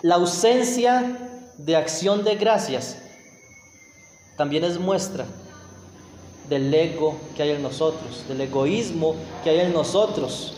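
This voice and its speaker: Guy preaching a sermon, high voice, big echoey church hall, faint hum behind. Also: animated, slow, long pauses, darkish tone. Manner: emphatic, mimics whiny prayers. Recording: roomy church hall with long reverb.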